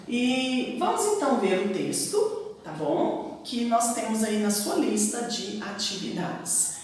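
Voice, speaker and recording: A woman's voice: on the high side, expressive, slow pace. A Brazilian woman teacher giving a lesson to children, with a sing-song, emphatic delivery that keeps checking the class understands. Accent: Brazilian Portuguese. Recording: echoey room, recorded from a distance.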